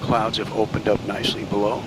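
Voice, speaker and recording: A man's voice: fairly low pitch, brisk. A man giving casual, matter-of-fact pilot commentary on the progress of a flight. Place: small cockpit trainer. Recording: steady loud cockpit hum. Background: air conditioning-like engine hum.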